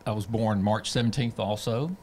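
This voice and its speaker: A man's voice: on the low side, moderate pace, a little mellow, a little hiss or hum. Easygoing man in his sixties. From Atlanta, Georgia. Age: 60s. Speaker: new senior center member. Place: large community room indoors. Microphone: handheld mic.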